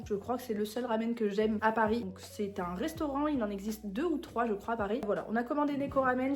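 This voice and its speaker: A woman's voice: fairly high pitch, a little mellow. A young woman chatting casually to camera at home, self-deprecating and full of fillers as she vlogs her day. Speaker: vlogger. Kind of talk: casual vlog narration. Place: home apartment, indoors.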